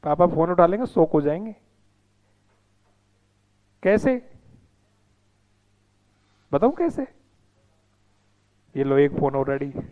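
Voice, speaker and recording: High-voiced teacher. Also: male voice, sing-song, takes it slowly, long pauses, narrow, tinny audio. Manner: teasing, scolding students in between. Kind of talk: classroom lecture with banter. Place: classroom with students.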